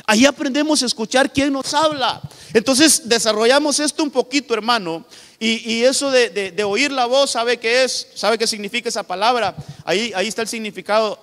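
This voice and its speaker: A man's voice: very high-pitched, fairly bright tone. A male pastor from Honduras preaching a sermon with emphatic delivery, often calling out to his listeners directly. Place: church hall. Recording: long hall reverb.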